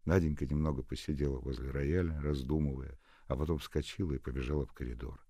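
A man narrating an audiobook with expressive reading. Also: a bass voice, quick pace, breathy edge, no echo, studio quality.

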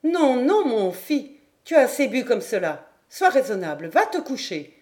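Old innkeeper woman, read by a woman, firm, motherly, high, raised voice. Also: very animated, moderate pace, darkish tone. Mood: scolding. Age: older. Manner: firm, scolding.

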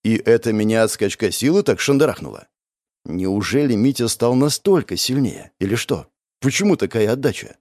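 A man narrates a first-person fantasy audiobook with dramatic expression. His voice is of middling pitch, but it rises and falls a great deal. The recording is dry and close, with no room sound. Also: lively intonation, normal speed, a little mellow, dry recording.

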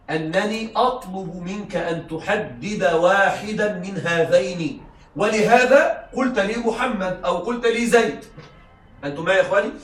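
A man teaching a classroom lecture, often stopping to check that his students are following. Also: high-pitched. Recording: echoey room, mic far off, faint noise.

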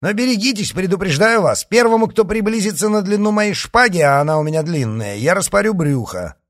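A man's voice: mid-range voice, big pitch swings, normal speed, dry recording, clean studio sound, voice pushed up. A man reading a story aloud and voicing a bold, hot-tempered young musketeer who speaks in a brash, defiant way. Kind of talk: audiobook character reading.

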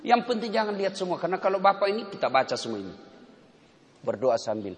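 A middle-aged male preacher giving a lively sermon, asking rhetorical questions, acting out little exchanges and slowly chanting prayers. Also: sits high. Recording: echoey hall with long reverb.

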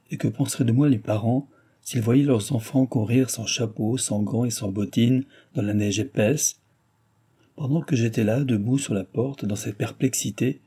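A man reading a classic novel aloud as an audiobook narrator, in a measured, steady, literary way. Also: fairly low pitch, husky.

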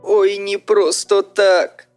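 Guy putting on a worried old granny voice, pitched up, sighing and folksy, faint music under it. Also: level tone. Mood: lamenting. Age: older. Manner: lamenting, drawn-out sighs, folksy. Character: old village widow, fretful and pious.

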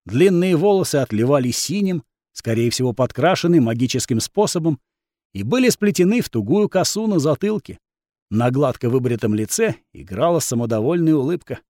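A man's voice: medium pitch, animated, brisk, darkish tone, no echo, studio quality. A man narrating a first-person fantasy audiobook in a wry, ironic tone.

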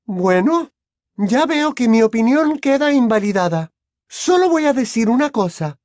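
A man doing a shrill, fierce witch mother. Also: no room sound, studio quality. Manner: shrill, strained, near shouting. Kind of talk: audiobook character voice.

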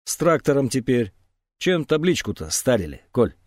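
A man's voice: medium pitch, very animated, moderate pace, no echo. A suspicious middle-aged man from an audiobook, dry and probing as he quizzes a boy. A man voices him close to his own tone. The sound is close and dead, with no room.

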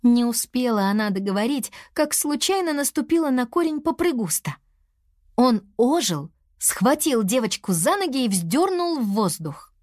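A woman narrating a children's story in a lively, expressive way. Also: fairly high pitch, moderate pace, dry recording, studio quality.

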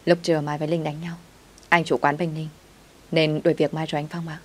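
A woman voicing a polite male cook who quietly passes on news. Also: deep voice, little pitch movement, a little fast. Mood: confiding. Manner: polite, confiding.

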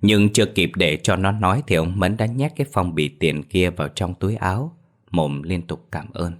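A man narrating a horror story in a steady, ominous way. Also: low voice, normal speed.

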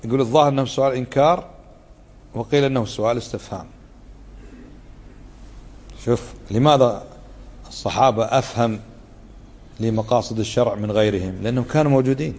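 A man's voice: medium pitch, fast talker, long pauses, darkish tone. A man teaching a religious lesson, explaining a text in a conversational way, often asking the listeners to confirm and acting out tones of voice to show what they mean. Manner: acts out tones of voice to show meaning. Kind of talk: lesson commentary. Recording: long hall reverb.

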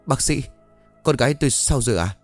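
A man's voice: mid-range voice, animated, brisk, faint music behind, pitched above the performer's own voice, natural voice. A man doing an anxious, fretful middle-aged mother. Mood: anxious pleading. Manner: pleading, fretful.

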